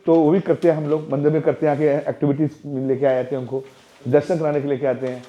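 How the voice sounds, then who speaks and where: A man gives an interactive spiritual talk to parents, his voice pitched a little high and soft. He chats playfully and keeps questioning his listeners. The recording is dull and lo-fi. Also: little pitch movement, fast. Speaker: temple president giving a talk to parents.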